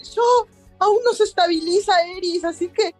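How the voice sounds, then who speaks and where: A woman's voice: very high-pitched, fairly even intonation, normal speed, dry recording, faint music behind, pitched above the performer's own voice. A woman voicing a young goddess girl, urgent and encouraging.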